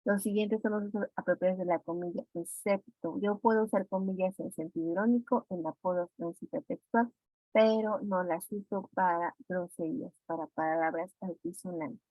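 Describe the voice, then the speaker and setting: A woman's voice: lowish voice, fairly even intonation, moderate pace, dark tone, no room sound. A woman teacher with a Mexican Spanish accent goes through exam answers step by step and calls on students with questions. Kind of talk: classroom exam review. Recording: dry, dull lo-fi sound.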